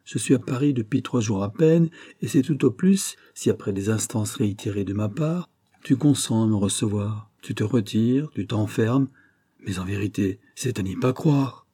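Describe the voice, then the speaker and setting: A man's voice: on the low side, normal speed, dark tone, slightly rough. A man reading the part of a confident young married woman who scolds and questions her cousin insistently. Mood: chiding.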